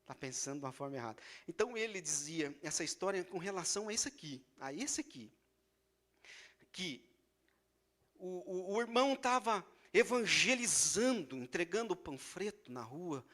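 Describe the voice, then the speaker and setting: High, bright-voiced Brazilian preacher. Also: male voice, lively intonation, moderate pace. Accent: Brazilian Portuguese. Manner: storytelling that rises into fervent, emphatic preaching with repetition. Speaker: church elder preaching. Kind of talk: sermon. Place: church.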